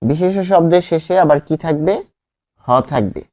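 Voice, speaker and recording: Male teacher giving a methodical exam-prep grammar lesson, mellow tone, muffled lo-fi recording. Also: a little high, expressive. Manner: slow, repetitive, repeats example words and asks the class questions.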